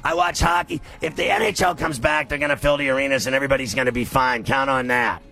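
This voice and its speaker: A man hosting a sports radio show in a loud, scratchy, gravelly voice, boastful and verbose, often yelling. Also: mid-range voice, quick pace. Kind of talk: brash sports radio monologue.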